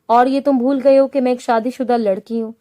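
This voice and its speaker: A woman's voice: high-pitched, fairly even intonation, mellow, lightly acted. A woman reading the part of an anxious young married student in a spoken novel. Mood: worried.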